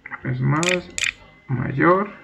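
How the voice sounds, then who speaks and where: A young man teaching a screen-recorded software tutorial, reading each task aloud and then narrating his clicks step by step at a desk mic. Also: fairly high pitch, very slow, creaky, lo-fi sound, noisy background. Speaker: instructor.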